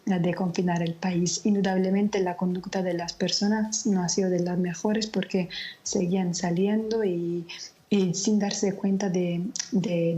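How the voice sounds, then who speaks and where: A woman from Naples with Italian as her first language, speaking slowly and in a measured way over a remote link, tired late at night. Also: fairly low pitch, mellow. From Naples, Italy. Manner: slow, measured, subdued. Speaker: correspondent. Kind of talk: remote news interview. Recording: lo-fi remote call line.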